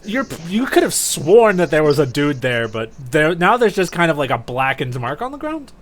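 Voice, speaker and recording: A man acting as game master, narrating and refereeing a tabletop game casually, often pausing to think aloud. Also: on the high side, big pitch swings, slight background noise.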